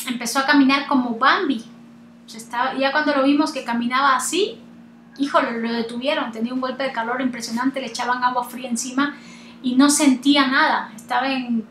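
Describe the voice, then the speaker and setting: A woman hosting a casual interview over a video call, chatty and animated, laughing often. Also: high voice, roomy sound, a little hiss or hum. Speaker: host.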